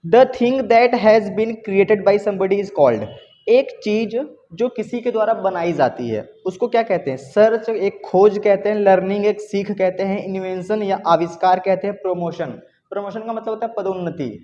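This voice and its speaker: A man's voice: high voice, normal speed, a little mellow. A male teacher with an Indian accent, explaining exam grammar questions step by step and repeating questions back to his students. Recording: dull lo-fi sound with faint noise.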